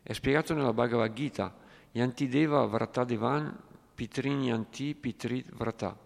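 A man's voice: mid-range voice, moderate pace, creaky. Man reading as a firm old spiritual teacher. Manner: firm, explanatory. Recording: echoey hall reverb.

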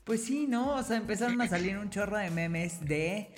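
A woman's voice: mid-range voice, animated, moderate pace, over music. A woman, co-hosting a casual chat in a dry, teasing way. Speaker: co-host.

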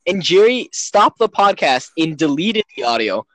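A man's voice: fairly high pitch, big pitch swings, moderate pace, a bit bright, no room sound, low-quality recording. A man hosting a casual podcast over a call, teasing and joking at his friends. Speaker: podcast host. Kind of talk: casual chat. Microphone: remote call mic.

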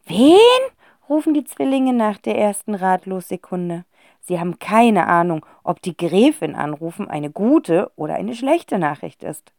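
A woman narrating a children's audiobook with a lively, expressive reading. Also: lowish voice, moderate pace, dry recording, studio quality.

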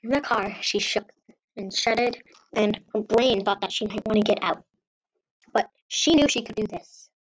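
A woman narrating a home-made children's story in a slow, earnest way. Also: medium pitch, breathy edge, low-quality recording.

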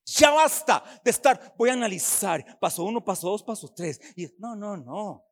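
High-voiced fiery preacher man in a reverberant hall. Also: big pitch swings, moderate pace. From Costa Rica. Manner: fiery preaching with sung, shouted swells and quiet asides. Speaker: pastor. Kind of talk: sermon. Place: church hall.

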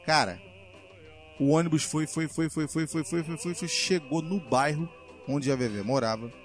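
A man's voice: a little high, moderate pace, faint music behind. A man, telling a childhood story on a podcast and acting out the other people in it. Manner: animated, acts out his mother's lines. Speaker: podcast co-host. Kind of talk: casual storytelling.

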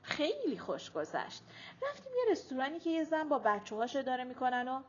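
A woman's voice: high voice, very animated, breathy edge, full character voice. A woman reading an audiobook, voicing a weary, irritable middle-aged mother with clipped, grumbling remarks. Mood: strained. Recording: dull lo-fi audiobook recording.

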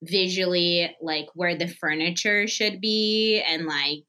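A woman talks freely as a guest on a podcast. Her voice is bright and slightly low, and her sentences wander with "like" fillers. The tone stays casual and friendly. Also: fairly even intonation, slow pace, rough recording. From Brazil. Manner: chatty, many "like" fillers. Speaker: guest, staging company co-founder.

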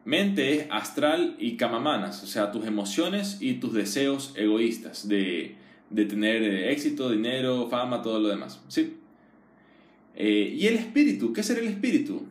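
A teacher with a middle-pitched voice gives a relaxed, informal one-on-one lesson at a measured pace, speaking directly to a single listener. He often checks whether he's understood, using frequent fillers and restarting sentences. The room has a noticeable echo.

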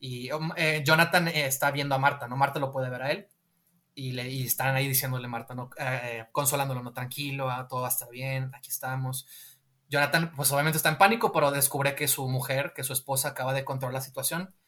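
A man casually pitching a film scene in a rambling way, tagging his lines with a question. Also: steady tone, fast, pushed and bright.

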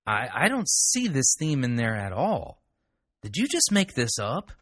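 A man's voice: medium pitch, wildly swooping pitch, measured pace, a bit bright, no echo, studio quality. A man hosting a talk show, critiquing a recorded sermon in a mocking, exasperated tone. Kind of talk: sarcastic commentary.

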